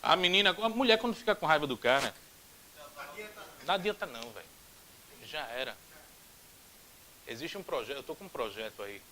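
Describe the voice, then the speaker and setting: Brazilian guy teaching grammar, high voice that jumps all over, drills stuff aloud, jokey. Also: a little fast, pauses often, a little hiss or hum, low-quality recording. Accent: Brazilian Portuguese. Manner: animated, repeats drills aloud, jokey asides. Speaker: Portuguese teacher. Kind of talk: grammar video lesson.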